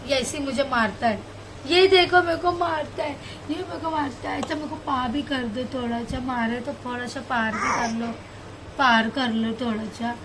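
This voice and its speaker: A woman's voice: fairly high pitch, fairly even intonation, moderate pace, background noise. A young woman vlogging at home with a phone, coaxing her baby in affectionate, sing-song baby talk. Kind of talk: casual family vlog, talking to a baby. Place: home, indoors.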